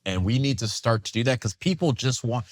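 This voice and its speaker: A man speaking as a guest in a casual panel discussion, animated and full of fillers. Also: mid-range voice, a little fast. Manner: animated, acts out quoted voices, many fillers.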